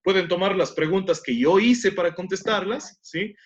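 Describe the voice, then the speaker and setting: A man's voice: sits high, moderate pace. Encouraging man teaching English, muffled audio. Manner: encouraging, repeats praise, switches between Spanish and English. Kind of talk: bilingual classroom instruction.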